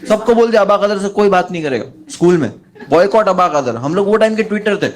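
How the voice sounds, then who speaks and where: A man doing standup, telling a long comic story and putting on high voices for the people in it. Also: fast, background noise. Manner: animated, jumps into high voices for friends in the story. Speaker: standup comedian.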